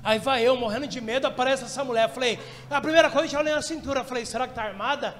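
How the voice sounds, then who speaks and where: High-voiced male pastor, church reverb. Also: fast, slight background noise. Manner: animated storytelling, acts out dialogue, shouts in prayer. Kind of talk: sermon with storytelling.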